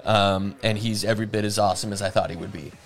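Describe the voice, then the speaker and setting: A man's voice: on the low side, fairly even intonation, fast, loud music behind the voice. Rambling, profane man on a podcast. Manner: rambling and profane, with many fillers and restarts. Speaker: podcast host. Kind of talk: casual podcast chat.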